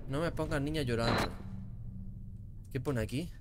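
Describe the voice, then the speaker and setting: A man's voice: medium pitch, moderate pace, noisy background. A man with a Spanish accent from Spain, giving casual, jumpy let's play commentary, swearing often and reading in-game notes aloud. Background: game music.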